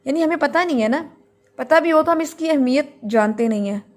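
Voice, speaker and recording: A woman's voice: high voice, animated, a little fast. A woman teaching tajweed in a recorded lesson, explaining patiently and drawing out words to model them.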